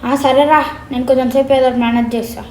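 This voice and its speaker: A high-voiced woman performs comic skit dialogue in an animated, bossy way. The recording is roomy and echoey, with faint noise underneath. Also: rapid-fire. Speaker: comedy sketch performer.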